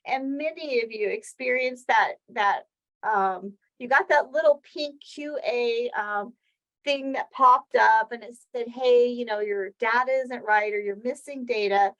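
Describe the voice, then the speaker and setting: The presenter of a weekly healthcare training session speaks at a measured pace, her voice on the high side and a bit bright. She explains her webinar slides step by step in a conversational manner with examples, on a muffled recording.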